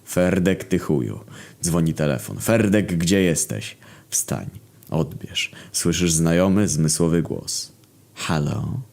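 A man with a very low voice reads a crude internet story aloud. His narration is deadpan and profane, spoken in the second person. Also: vocal fry. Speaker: story reader.

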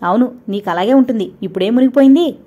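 A woman doing a loud, nagging mother-in-law. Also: a little high, animated, a little fast, muffled recording. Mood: scolding. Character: harsh scolding older mother-in-law.

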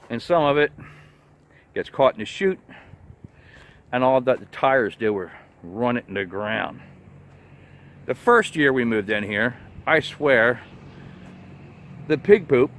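A man's voice: mid-range voice, a bit bright. Laid-back plainspoken man. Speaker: homesteading vlogger. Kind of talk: casual rambling chat.

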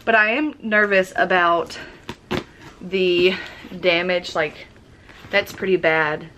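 A young woman chatting excitedly through a casual unboxing vlog at home. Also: on the low side, slight background noise. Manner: chatty and excitable, quick gasps of delight. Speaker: YouTuber.

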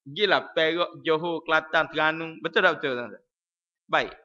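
Malaysian male religious teacher, lively and teasing, very bright tone, dull lo-fi stream sound. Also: on the high side. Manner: lively, teasing the audience with questions, chants verses slowly. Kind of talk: evening mosque lecture. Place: prayer hall.

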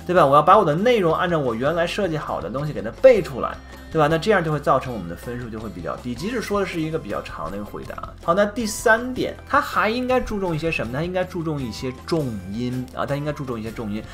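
Lively Chinese-speaking woman teaching English. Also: low voice, fast talker, soft background music. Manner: lively, coaxing tag questions. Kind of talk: online lesson with English examples.

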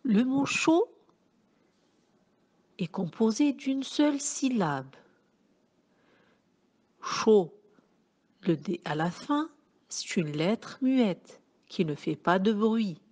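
Her medium-pitched voice swinging widely in pitch, a woman teaches phonics to young children, sounding out each word slowly, syllable by syllable, and addressing the pupils warmly as children.

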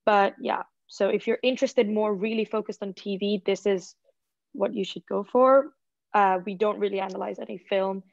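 A woman's voice: mid-range voice, steady tone, moderate pace, gravelly, no room sound. Woman, 21, from Singapore, casual student presenter, chatty filler-heavy talk, dry muffled call audio. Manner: chatty, lots of likes and ums. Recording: dull, lo-fi video call audio.

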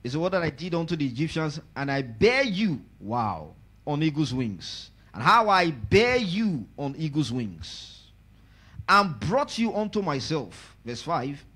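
A man preaching a church sermon, reading scripture aloud and growing loud and emphatic on key words while calling on the congregation to answer. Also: fairly high pitch, measured pace, slightly rough. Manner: lively, rises loud on key words, asks the congregation to repeat. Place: church service.

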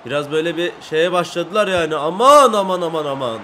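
A young man with a high-pitched voice talks his way through a football video game as he plays it. He boasts about his own moves, complains when teammates don't pass to him, and breaks into shouts and sing-song chants at goals. Faint background noise sits under the recording. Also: expressive, fast. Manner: brags and grumbles at teammates. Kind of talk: live gameplay commentary.

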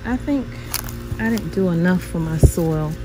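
A woman's voice: lowish voice, animated, unhurried, over music, low-quality recording. A woman casually walking viewers through her backyard garden, chatty and exclamatory, calling them y'all. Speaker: home gardener vlogger.

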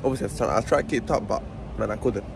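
A man's voice: lowish voice, very fast, vocal fry. A man with a London roadman accent vlogging casually on a road trip, using heavy street slang and repeating short phrases for emphasis. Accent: London roadman, multicultural street slang. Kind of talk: casual road-trip vlog chat to viewers. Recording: noisy car and street ambience.

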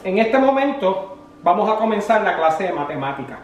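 A man in a comedy sketch, playing a dad who homeschools his kid and scolds him in fast, exasperated teacher talk. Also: high voice, sing-song, reverberant, distant mic.

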